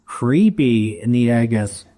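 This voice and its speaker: A man's voice: mid-range voice, moderate pace, darkish tone. A middle-aged man, a guest in an interview, answering casually with chatty stories and jokes at his own expense. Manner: chatty, storytelling, jokes at himself. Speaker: guest, information security executive.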